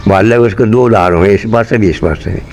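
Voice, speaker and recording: Brisk and a little mellow, his fairly low voice carries a Haryanvi accent as he recounts memories bluntly, earthily and with plenty of rambling. The interviewee is a very old partition migrant, 80s or older, from Rohtak, Haryana, in pre-partition India, recorded with clearly noisy location sound.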